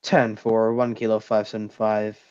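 A man's voice: lowish voice, monotone, normal speed, darkish tone, clean tone, no echo. A man playing a police dispatcher over the radio, clipped and procedural, using radio codes. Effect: heard over police radio. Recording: muffled radio with faint hiss.

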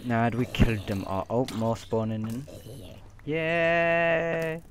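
A man's voice: on the low side, steady tone, normal speed. Young male gamer, playful, hums along, faint noise floor. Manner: playful, hums and yelps while playing. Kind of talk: casual gaming commentary.

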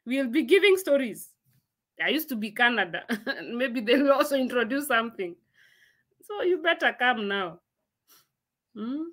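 A livestream host in her forties chats casually from a room at home, reading viewer comments aloud and answering them between frequent bursts of laughter. Her high, bright, expressive voice has a forward ring, moves at a measured pace with long pauses, and is captured by a laptop mic at arm's length.

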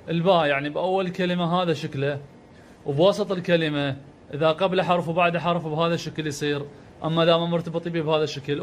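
A man with an Iraqi Arabic accent teaching reading, sounding out letters and syllables slowly and repeating them patiently. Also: on the high side, a little hiss or hum. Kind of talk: slow step-by-step lesson.

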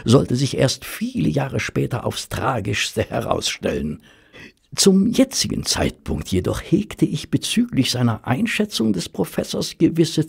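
Radio drama: a loyal doctor-narrator, male, older, low gravelly voice, formal and measured. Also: heavily acted. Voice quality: husky, gravelly. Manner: measured, formal, slightly hesitant. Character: Doctor Watson, male English detective's loyal companion and narrator. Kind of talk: German radio play narration and dialogue.

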